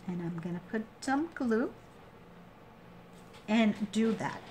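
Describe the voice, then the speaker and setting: A woman with a slightly high voice walks through a craft project at a very slow pace. She is casual and halting, often trailing off and restarting as she explains each step. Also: expressive, darkish tone, a little hiss or hum. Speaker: craft tutorial host.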